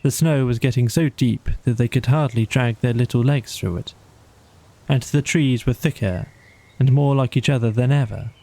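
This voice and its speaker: A male audiobook narrator reading a bedtime story. His voice is mid-pitched and mellow with a gravelly creak, recorded dry. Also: moderate pace.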